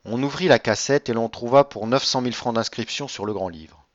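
A man narrating a classic novel in a steady, measured reading. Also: mid-range voice, dry recording. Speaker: audiobook reader. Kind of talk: scripted narration. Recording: dry, slightly dull recording.

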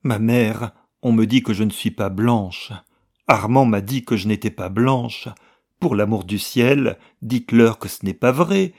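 A man's voice: on the low side, unhurried. A man voicing a desperate young woman, a distraught wife and mother, crying out in pleading, near-hysterical lines. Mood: despairing.

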